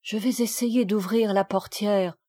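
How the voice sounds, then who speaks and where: A woman's voice: medium pitch, steady tone, unhurried, dark tone, lightly acted. A woman voicing an anxious, caring nursemaid who gives cautious warnings, in a storybook reading.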